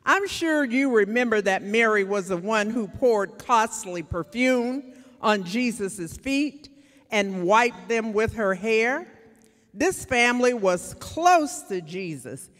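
A woman's voice: fairly high pitch, animated, slow pace. An older woman, an associate minister, preaching a sermon from a church pulpit into a handheld microphone, speaking to the congregation. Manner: preaching with call-and-response asides to the congregation. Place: large church sanctuary, standing at the pulpit. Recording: church sanctuary reverb with faint music.

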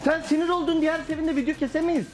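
A very high, quick man's voice that scolds and taunts. It is heard in a video clip, with music running clearly behind him. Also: steady tone. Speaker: friend in prank video. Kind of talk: argument in a video.

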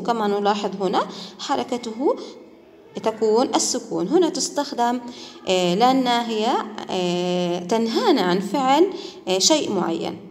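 A woman teacher taking students through language exercises, patiently repeating words and sounding them out slowly. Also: on the high side, a little mellow, slight background noise. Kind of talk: classroom lesson explaining exercises. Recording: long hall reverb.

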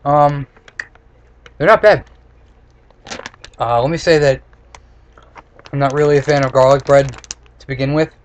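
Sitting close to his webcam in a small room, a twenty-something snack reviewer rants casually, bluntly, and sarcastically. His mid-range, slightly mellow voice stays steady, moving a little fast with frequent pauses, over a noisy mic with room noise.

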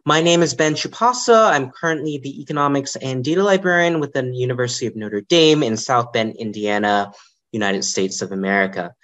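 A young man who works as a librarian gives a prepared lightning talk over a video call. His medium-pitched voice is brisk and lively, with varied intonation and the occasional um.

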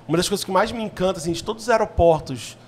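A man's voice: high voice, very fast. A man in his thirties from Rio de Janeiro with a Carioca accent, hosting a podcast in an upbeat, enthusiastic way. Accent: Carioca Portuguese. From Rio de Janeiro, Brazil. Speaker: podcast host. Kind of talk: hosting a podcast, reading sponsor ads. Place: indoor podcast studio. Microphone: studio mic on a boom arm.

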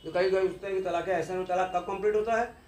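A man gives an exam-focused law lecture fast, in a slightly high, somewhat mellow voice with fairly even intonation. He explains patiently, repeats key terms, and mixes in English legal words. His voice rings in an echoey room over a faint ambient hiss.

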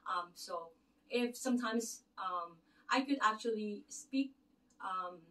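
Slow-paced and mid-range with a fairly bright tone, a middle-aged Filipino woman, a native Tagalog speaker with a Filipino accent, talks to camera about faith, earnest and rambling, often restarting and using fillers. She hosts the channel from her living room near a lit Christmas tree, and the distant camera mic across the room catches the room sound.

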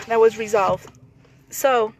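A woman in her thirties sits in a parked car holding her phone at arm's length, fervently addressing viewers and repeating praise like a street evangelist. The casual vlog turns into preachy exhortation, delivered extremely slowly in a fairly high voice with slight background noise.

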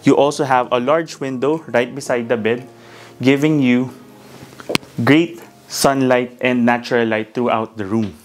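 A man's voice: medium pitch, fairly even intonation, a little slow. A man in his thirties, a real estate broker, giving a polished walking house tour of a townhouse, pointing out features room by room. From Philippines. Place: bright empty townhouse rooms indoors.

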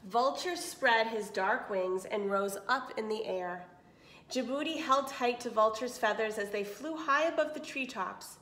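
Reading a picture book to children, a woman whose voice sits slightly high takes her time, expressive and stopping now and then for small asides and questions. Her surroundings clearly echo.

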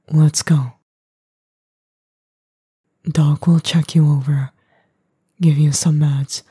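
A woman voicing an edgy young boyfriend, gruff but tender and worried, in a breathy, husky, halting ASMR role-play. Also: sits low, warm tone, no room sound, studio quality, heavily acted.

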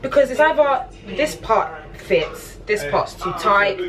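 A woman's voice: medium pitch, expressive, takes it slowly, music in the background, poor audio. A young woman chatting casually in a kitchen, a little away from the camera, with other voices around her. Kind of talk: casual chat. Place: indoor kitchen.

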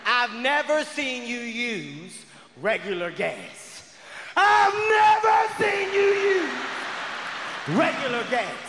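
A man on stage voicing a suspicious girlfriend who accuses her partner loudly and repeats herself as if she had solved a case. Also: extremely high pitch, animated, slow pace, long reverb tail, a loud crowd, heavy background noise, full character voice. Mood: accusing.

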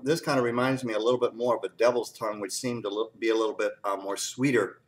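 A man doing a casual hot-pepper tasting review, teary from the heat. He talks haltingly, with lots of fillers, and keeps clearing his throat. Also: medium pitch.

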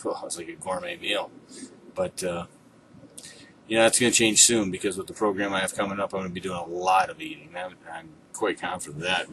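A man in his forties speaks in a deep register as a fitness coach on a casual home vlog. He is low-key and halting, with pauses between thoughts. The sound is distant from the microphone, with clear noise behind it. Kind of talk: casual vlog check-in to online followers. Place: small room at home, indoors. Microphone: webcam at desk distance. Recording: noisy, distant webcam microphone.

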